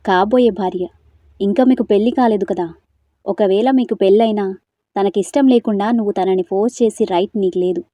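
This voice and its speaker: A woman's voice: mid-range voice, brisk, dark tone, dry recording, lightly acted. A woman voicing a protective young man who comforts a frightened girl and stands up to a bully, in an audio story. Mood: angry. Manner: firm, reassuring.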